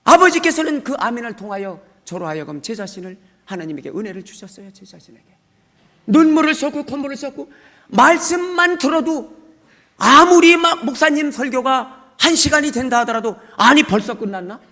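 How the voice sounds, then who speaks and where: Animated middle-aged man giving church testimony. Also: very high-pitched, brisk. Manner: dramatic, acts out his own prayers and cries of amen. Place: church service hall. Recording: long church hall reverb.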